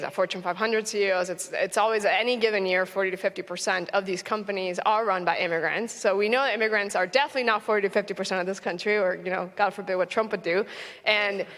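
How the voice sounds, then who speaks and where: A woman's voice: medium pitch, a bit bright. Earnest young woman on a panel stage. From United States (Orlando, Florida). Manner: earnest, with frequent "um" and restarts. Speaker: panelist, venture investor. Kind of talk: conversational panel talk. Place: conference stage in a large hall. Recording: long hall reverb.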